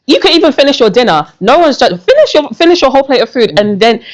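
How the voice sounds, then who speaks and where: Brief: woman co-host, very lively pitch, incredulous and animated. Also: fast talker. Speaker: podcast co-host. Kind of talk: casual podcast chat.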